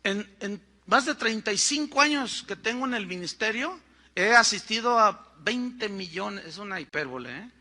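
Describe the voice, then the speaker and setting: Older male Mexican preacher, high and piercingly bright, animated storyteller. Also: normal speed. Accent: Mexican Spanish. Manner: animated, acts out quoted voices, conversational asides. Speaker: pastor. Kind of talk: sermon with storytelling.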